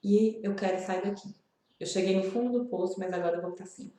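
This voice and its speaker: A woman's voice: medium pitch, steady tone, quick pace, warm tone. Earnest Brazilian woman in an echoey room. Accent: Brazilian Portuguese. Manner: earnest, confiding, talks to the viewer directly. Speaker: video host sharing grief advice. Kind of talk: personal vlog talk to camera.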